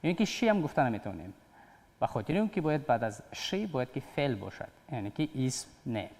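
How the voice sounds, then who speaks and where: A man's voice: medium pitch, big pitch swings, a little mellow. A man hosting a TV English lesson, patiently explaining grammar step by step. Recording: long hall reverb.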